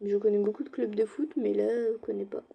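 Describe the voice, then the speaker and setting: A young woman chatting casually to her viewers while playing an online game, with quiet murmured asides. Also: mid-range voice, steady tone, brisk, vocal fry, slightly rough. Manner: chatty, addresses viewers directly, slips into soft asides. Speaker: gaming streamer. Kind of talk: casual let's-play commentary.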